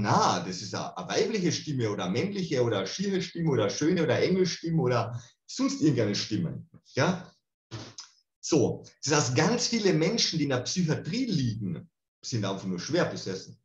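A man gives an online lecture on spiritual healing, talking animatedly and casually and often checking in with "okay?". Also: mid-range voice. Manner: animated, colloquial, keeps asking "okay?". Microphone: video call. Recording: roomy, dull video-call audio.

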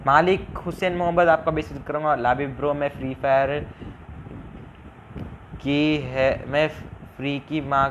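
A man's voice: a little high, steady tone, unhurried, pauses often, fairly bright tone, highs cut off, slight background noise. Chatty man streaming a game. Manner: chatty, pleads for subscribers, mixes English into Hindi. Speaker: live-stream gaming host. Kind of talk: casual live-stream chat reading viewer comments.

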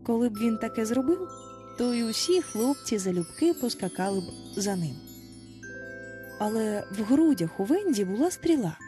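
A woman narrating a children's storybook aloud with animated expression. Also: fairly high pitch, moderate pace, over music. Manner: animated, voices each child in turn. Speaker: audiobook narrator.

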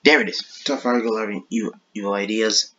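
Casual male gaming vlogger, slightly low and husky, self-interrupting, apologetic, muffled home-mic sound. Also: fast talker, bright, forceful tone. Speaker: YouTube gaming channel host. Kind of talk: casual rambling commentary.

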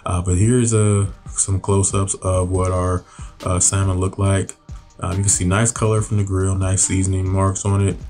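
Deep-voiced man casually narrating a cook. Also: moderate pace, soft background music. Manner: relaxed, loose, many fillers and restarts. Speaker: cooking channel host.

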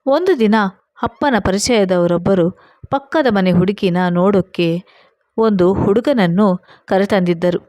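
A woman tells a first-person story in a steady, even storytelling voice. Her voice sits at a middle pitch. The recording is dry and close, with no room sound. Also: measured pace, no room sound. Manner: steady storytelling with quoted dialogue. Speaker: narrator.

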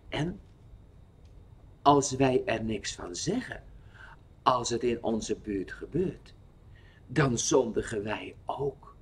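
A man tells Bible stories for children, speaking slowly with a slightly husky voice. His pitch is very animated, and he stays expressive while asking the listener questions.

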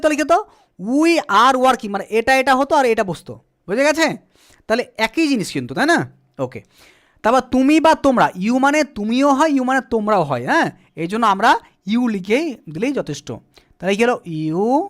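A male teacher whose first language is Bengali is running a beginner English lesson at a board. He talks patiently and keeps putting questions to the class, then answers them himself. Now and then he slows down to spell a word letter by letter. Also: very high voice, a bit bright.

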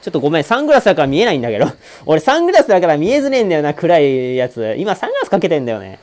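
A man giving casual commentary over a game, excitable and joking as he talks back at the screen. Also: fairly high pitch, very fast. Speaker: let's-play streamer.

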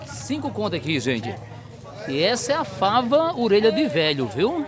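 A man's voice: high-pitched, wildly swooping pitch, normal speed, over music. A man with a Northeastern Brazilian accent hosting a walking vlog through an outdoor street market, chatty and asking vendors their prices. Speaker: market vlogger host. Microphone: handheld mic.

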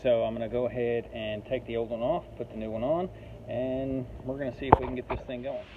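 A man's voice: medium pitch, fairly quick. Man explaining a repair, tinny phone audio. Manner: relaxed, step-by-step explaining while working with tools. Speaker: DIY repair vlogger. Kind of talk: casual how-to narration. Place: outdoors at the open back of a vehicle. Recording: tinny phone audio, noisy outdoor background.

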